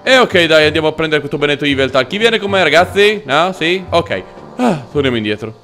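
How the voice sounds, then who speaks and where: A man hosting a let's play, giving excitable gameplay commentary, swearing a lot and chatting with the creatures on screen. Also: fairly quick, soft background music. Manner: jumps into squeaky cooing over cute creatures. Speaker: gaming channel host.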